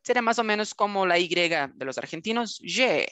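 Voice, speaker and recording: A Brazilian woman teaching an online language lesson with a Brazilian Portuguese accent, slowly demonstrating sounds letter by letter and often checking in. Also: medium pitch, animated, bright, forceful tone, dry recording. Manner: slow, drawn-out letter-by-letter demonstrations with frequent checking "Ok?".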